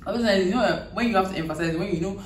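A young Nigerian woman with a Nigerian accent, hosting a casual accent challenge with friends, laughing and spelling words out slowly. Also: mid-range voice. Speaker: vlogger running an accent challenge. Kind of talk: casual chat among friends. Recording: echoey room, mic at a distance, faint hiss.

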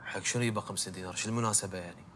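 An actor playing a respectful, dutiful young son in a TV drama, with a Gulf Arabic accent and a polite, deferential manner. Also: male voice, low-pitched, steady tone, rapid-fire, a bit bright, a little hiss or hum. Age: young adult. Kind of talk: naturalistic TV drama acting.

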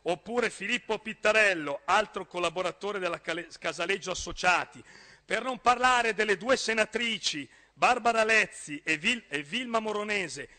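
A regional councillor in his thirties with a northern Italian accent gives a parliamentary speech into a desk gooseneck microphone, gesturing as he presses his points, forceful and rising to emphatic outbursts at a normal speed. His voice is very bright and cutting, a little higher than most men's, and the chamber adds long, ringing reverb.

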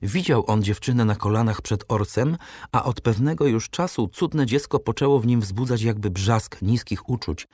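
A man narrating a classic novel as an audiobook, reading in a measured, dramatic way. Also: mid-range voice, darkish tone, breathy edge, no room sound, studio quality. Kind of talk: scripted literary narration.

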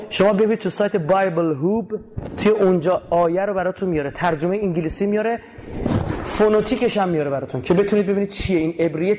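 A man from Iran giving an animated religious lecture to a live audience, asking rhetorical questions and explaining words one by one. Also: high voice, background noise. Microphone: recording his own lecture.

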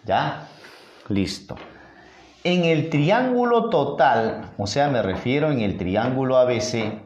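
A man's voice: medium pitch, big pitch swings, slow pace, a little mellow, muffled recording. A man with a Peruvian accent teaching a geometry review lesson at a whiteboard, playful and coaxing with his students. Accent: Peruvian Spanish. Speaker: math teacher. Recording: roomy echoey room sound.

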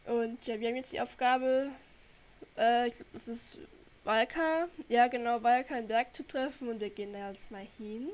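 A moderately paced, somewhat high female voice belongs to a young German gamer with a cold. Talking into a desk mic, she keeps up rambling, chatty commentary for her viewers as she plays.

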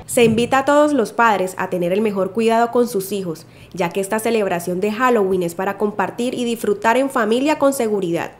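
A woman reporter reading a scripted news voice-over in a bright, cheerful manner. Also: mid-range voice, brisk, hardly any pauses. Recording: soft music under voice-over.

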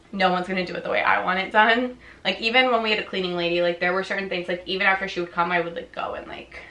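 A young woman vlogging from her living room couch, tired and chatty, talking casually and saying "like" a lot. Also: medium pitch. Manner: relaxed, chatty, heavy use of "like". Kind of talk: casual vlog chat. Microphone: camera on a tripod. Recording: roomy home recording with faint hiss.

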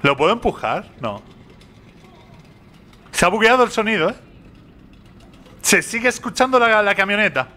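A man's voice: high-pitched, very animated, normal speed, pauses often, sharp tone. A young man from commentating a horror game, nervous, repeating phrases and talking to himself. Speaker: gaming youtuber.

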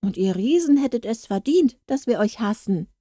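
A woman's voice: on the high side, animated, moderate pace, mellow, dry recording, clean studio sound. Woman reading as a grumbling little dwarf man. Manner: grumbling, lecturing. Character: small proud grumbling male dwarf, kindly but touchy.

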